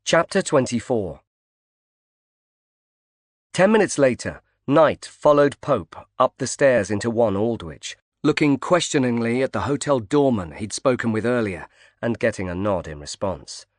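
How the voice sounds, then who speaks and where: A man narrating a thriller audiobook in an even, measured reading. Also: mid-range voice, no echo, clean studio sound. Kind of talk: scripted narration.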